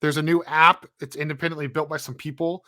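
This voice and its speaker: A man co-hosting a gaming podcast, with a bright, forceful voice that sits a little high. He talks in a chatty, animated way and laughs easily. The sound is dry and close, with no room around it. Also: quick pace, dry recording. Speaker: podcast co-host. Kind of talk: casual gaming podcast chat.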